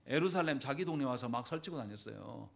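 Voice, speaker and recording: A man pastor preaching a sermon in a church, acting out quoted lines with sudden loud bursts. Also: medium pitch, lively intonation, fast, creaky. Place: church sanctuary.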